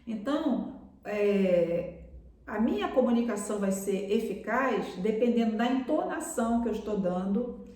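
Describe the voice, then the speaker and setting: A woman preaching a sermon on a live stream and addressing her listeners as beloved. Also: fairly high pitch. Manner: warm pastoral address, calls listeners "amados". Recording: very echoey room, voice from far off.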